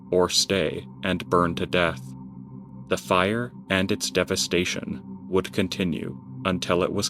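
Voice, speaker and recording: A man giving scripted documentary narration as the narrator. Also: low voice. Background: music.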